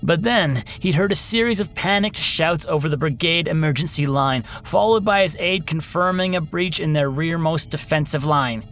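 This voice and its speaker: A man narrating a sci-fi war story and then an equipment history in a measured, dramatic scripted style. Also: fairly high pitch, a bit bright.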